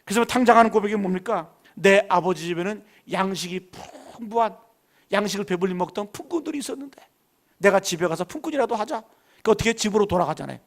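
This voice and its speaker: Preaching on a Friday night in the church sanctuary, this middle-aged pastor talks fast with a high-sitting voice and lively intonation. His delivery is colloquial and conversational, full of call-and-response questions to the congregation and stories about his daughters.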